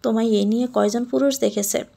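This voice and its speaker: A woman voicing an arrogant young male boss who gives curt, mocking orders, in a higher voice with a gravelly edge. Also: steady tone, fairly quick, dark tone. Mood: bossy. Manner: curt, commanding, sneering.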